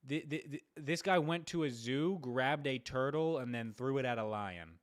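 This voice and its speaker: A young man live-streaming, chatting casually with viewers in an excitable way, repeating himself and firing off rapid shout-outs. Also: mid-range voice. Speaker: livestreamer doing prank calls.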